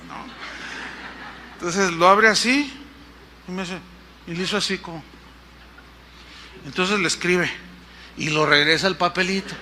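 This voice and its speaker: A middle-aged man preaches, high in pitch and strikingly bright in tone. He tells a personal story as a sermon and animates it by performing each person's words. A faint noise sits under the recording. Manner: animated storyteller acting out quoted voices. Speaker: pastor.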